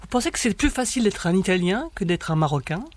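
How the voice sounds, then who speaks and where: A man's voice: high-pitched, animated, fast talker, no echo. A man, working as a radio culture journalist who prompts his guest with pointed questions. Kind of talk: radio interview.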